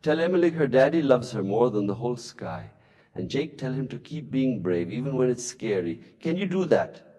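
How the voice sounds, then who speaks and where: Man doing a quiet gentle father, steady and soft, mid-pitched, long hall reverb. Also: normal speed. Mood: tender. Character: calm, loving father trapped in a tower.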